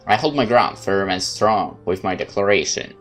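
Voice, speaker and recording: A man with a deep, expressive, fairly bright voice narrates a horror visual novel in the first person as a let's-play. Faint music plays behind his measured, theatrical reading.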